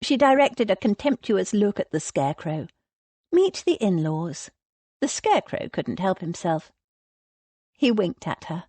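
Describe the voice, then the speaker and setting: Expressive woman narrating an audiobook. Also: mid-range voice, moderate pace, breathy edge, no echo. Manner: expressive storytelling.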